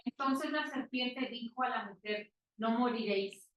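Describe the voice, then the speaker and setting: Lectora de la Biblia, mujer de voz algo aguda, lectura pausada y cuidadosa. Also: female voice, fairly high pitch, fairly bright tone. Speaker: scripture reader in Bible study. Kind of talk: reading scripture aloud. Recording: roomy, dull sound.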